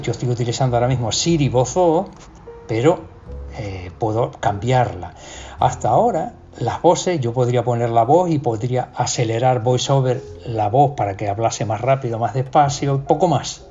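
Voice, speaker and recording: Man, Spain Spanish accent, relaxed warm tone, chatty tutorial host, dull recording with faint music. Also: mid-range voice, moderate pace. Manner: conversational, explains step by step with fillers. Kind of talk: casual tutorial walkthrough.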